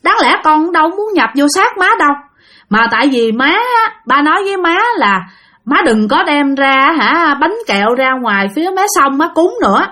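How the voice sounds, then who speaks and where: A woman puts on the ghost of a dead young man, speaking through his mother's body in a high, strained voice. He pleads urgently and gasps for air. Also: animated, moderate pace, pushed and bright. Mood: urgent, earnest.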